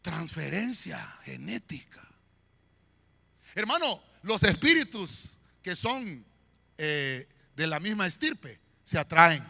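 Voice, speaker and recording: A pastor preaching a sermon in a church, swinging between shouts and quiet murmurs. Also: male voice, fairly high pitch, sing-song, takes it slowly, creaky. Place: church sanctuary. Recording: long church hall reverb.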